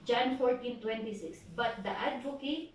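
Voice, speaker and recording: Recorded at a distance in a reverberant church hall with faint background noise, a Filipino-accented woman pastor delivers an exhortation at a prayer meeting. Her voice is fairly high; she questions the congregation and reads scripture at a slow pace.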